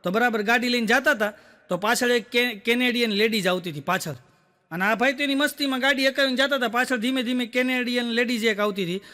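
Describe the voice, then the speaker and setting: A man doing stand-up comedy, telling jokes rapidly and acting out the dialogue of his characters. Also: very high voice, sharp tone, long reverb tail. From Gujarat, India. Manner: rapid joke telling, acting out quoted dialogue, frequent rhetorical "બોલો". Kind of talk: Gujarati joke telling on stage.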